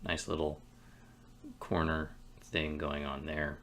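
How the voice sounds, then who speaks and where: A man streaming game development, thinking aloud in a relaxed, musing way as he works at his computer. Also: very deep voice, a little hiss or hum. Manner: relaxed, musing, talks to himself between pauses. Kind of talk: casual thinking-aloud commentary while working.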